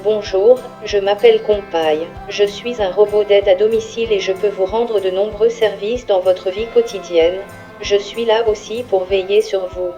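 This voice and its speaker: Friendly home helper robot, female synth voice, mellow and calm, bit of music under it. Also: medium pitch, moderate pace. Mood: welcoming.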